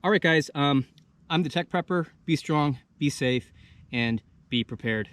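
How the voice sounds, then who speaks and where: A man in his thirties, host of an outdoor channel, talks freely to his audience outside, captured in a noisy field recording. His voice is slightly high and a touch bright, and he takes his time.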